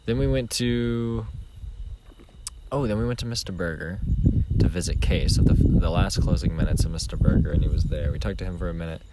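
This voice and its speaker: A young man with a deep, low voice chats casually on a podcast, rambling with lots of ums and uhs. The recording carries a steady hiss of background noise. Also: brisk. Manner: rambling, relaxed storytelling with many fillers. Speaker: podcast co-host. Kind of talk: casual chat. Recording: noisy home recording.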